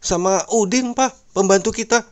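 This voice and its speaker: A woman's voice: medium pitch, normal speed, a little mellow, lightly acted. A woman voicing a tearful young wife reporting to her husband on the phone. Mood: plaintive.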